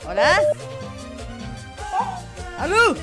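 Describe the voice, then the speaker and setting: A man hosting a comic call-in show, teasing callers in a playful, bawdy falsetto persona. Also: wildly swooping pitch, extremely slow. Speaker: comedy show host taking calls. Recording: loud music behind.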